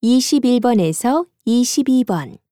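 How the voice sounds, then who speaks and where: Female test announcer, rapid-fire and a bit high-pitched. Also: animated, music in the background.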